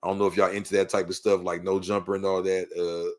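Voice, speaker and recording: Middle-aged LA man, very deep voice, interview guest, loose and rambling. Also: level tone, quick pace, a little mellow. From Los Angeles. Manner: laid-back and rambling, heavy on "you know what I'm saying". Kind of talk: casual interview talk.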